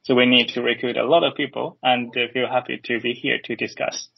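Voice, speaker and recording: Male recruiter guest, heavy fry, husky, flat delivery, dry muffled sound. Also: mid-range voice, fairly quick, no room sound. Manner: modest, laughing, simple phrasing. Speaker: guest, talent acquisition partner. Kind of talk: casual podcast introduction.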